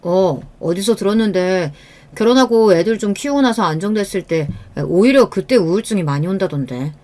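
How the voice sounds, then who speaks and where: A woman's voice: mid-range voice, expressive, brisk, darkish tone, natural voice. A woman voicing a male friend who gives casual, offhand advice in a scripted radio story. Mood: advising.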